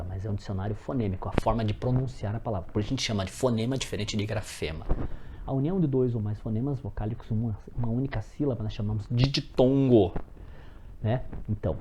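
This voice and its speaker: A man's voice: lowish voice, noisy background. A man from Brazil teaching a recorded phonetics lesson, explaining step by step and calling his viewers friends as he stresses example words.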